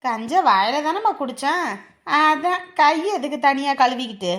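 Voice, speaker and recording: An actress playing a sorrowful young wife in a TV serial, speaking in a plaintive, pleading way. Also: female voice, very high voice, steady tone, a little slow, a little mellow. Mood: whiny. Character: sorrowful young wife longing for her estranged mother. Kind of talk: TV serial acting.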